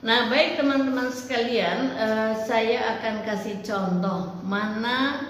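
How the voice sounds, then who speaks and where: A woman's voice: fairly high pitch, steady tone, a bit bright. Woman lecturer in an echoey room. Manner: slow, deliberate teaching with frequent fillers. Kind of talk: online lecture. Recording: echoey roomy sound with faint noise.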